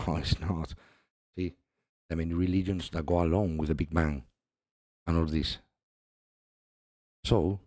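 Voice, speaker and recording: Deep, dark-voiced man discussing scripture. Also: slightly rough, dry recording, clean studio sound. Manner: reads scripture aloud, laughs often, repeats "see". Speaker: religious video host. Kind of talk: casual religious commentary.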